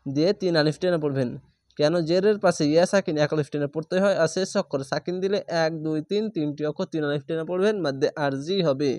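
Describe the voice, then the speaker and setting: A man with a Bangladeshi Bengali accent teaching Quran reading, spelling out each letter slowly and then chanting the words. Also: a little high, a little mellow, no room sound, clean studio sound. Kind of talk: spelling out recitation lesson.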